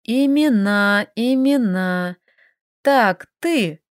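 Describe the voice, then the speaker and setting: A woman voicing a stubborn, feisty young heroine who bickers and exclaims in quick, sharp lines, read from an audiobook. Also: on the high side, animated, no echo, clean studio sound.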